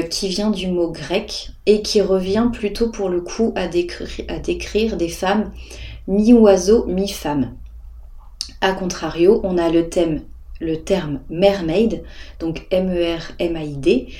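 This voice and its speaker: A woman's voice: on the low side, dark tone. A woman hosting a casual educational podcast from home, chatting informally to the listener with plenty of filler words. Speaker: podcast host. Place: at home, dog lying beside her.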